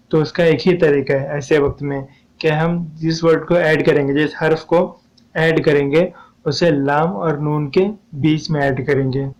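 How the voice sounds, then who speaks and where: A man's voice: on the high side, darkish tone, muffled recording. Man teaching poetic meter, diction. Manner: patient, repeats steps, urges viewers to ask questions. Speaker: poetry teacher. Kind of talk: explaining a lesson on poetic meter.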